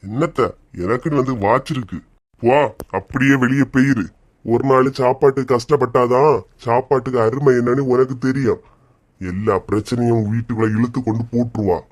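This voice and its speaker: A man's voice: mid-range voice, steady tone, moderate pace, lightly acted. A man with a Kanyakumari Tamil accent voicing an exasperated, scolding husband in a cartoon comedy. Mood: grumbling. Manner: scolding, gruff.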